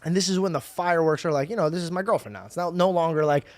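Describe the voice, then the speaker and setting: A man's voice: on the high side, very fast, dry recording. A man hosting a podcast, talking bluntly and joking as he tells stories in casual chat. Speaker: podcast host.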